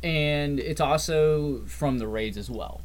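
A podcast co-host with a fairly high voice takes it slowly as he explains game patch changes during a casual gaming chat. His delivery is loose and rambling, and he often trails off.

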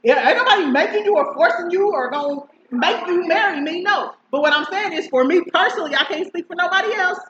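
A woman's voice: very high voice, animated, quick pace, hardly any pauses, a bit bright. A woman, a guest in a casual barbershop debate, arguing emphatically and laughing as she talks. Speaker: panel guest. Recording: echoey, muffled, faint hiss.

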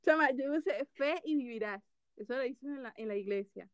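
A woman's voice: sits high, brisk, no room sound. A young woman with a Venezuelan accent, chatting casually and insisting her answers count in a word game.

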